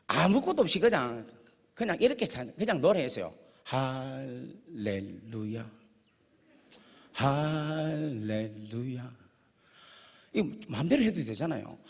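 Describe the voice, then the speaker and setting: A man's voice: sits high, husky. A middle-aged male pastor, telling a story in a sermon and acting out the lines of the people in it. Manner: lively storyteller who acts out dialogue and sings snatches. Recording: long hall reverb.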